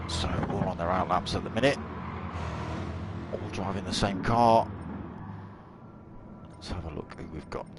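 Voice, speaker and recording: This man's voice is low and unhurried, with frequent pauses. A race commentator and streamer, he gives chatty, jokey live commentary on an online racing event, slipping dad jokes between updates. Loud racing engines and track noise fill the background.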